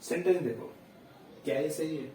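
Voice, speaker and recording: A male teacher giving a grammar lesson, explaining step by step, checking in with his students and dictating example sentences slowly word by word. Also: a little high, mellow, slight background noise. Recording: echoey room, voice heard from a distance.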